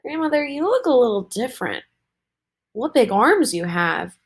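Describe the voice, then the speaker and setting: A woman voicing a chatty, trusting little girl in a storybook read-aloud, sounding bright and sweet. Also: fairly high pitch, sing-song, moderate pace, slightly rough, voice pushed up, exaggerated voice. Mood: wondering.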